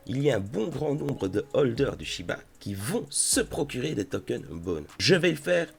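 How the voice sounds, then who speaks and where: A man's voice: medium pitch, sing-song, normal speed, gravelly. A man talking casually through a crypto tutorial, addressing the viewer in a chummy way. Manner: chatty, addresses viewer familiarly. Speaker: crypto YouTuber.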